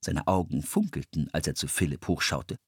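A man reading a children's audiobook with lively storytelling. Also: rumbling low, normal speed, breathy edge, dry recording, clean studio sound. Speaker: narrator.

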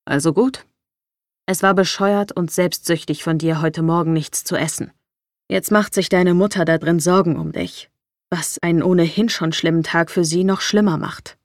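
A woman's voice: fairly low pitch, steady tone, moderate pace, dry recording, close to an everyday voice. Curt, arrogant young man, cold and lecturing; a woman reads him, dry close sound.

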